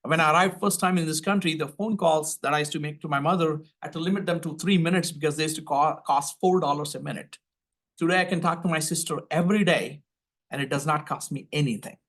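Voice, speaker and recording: An older Indian-accented man speaks quickly in a fairly high, slightly bright voice. Serving as a panel expert, he answers audience questions earnestly, often restarting sentences and repeating words as he begins. He also shares personal anecdotes.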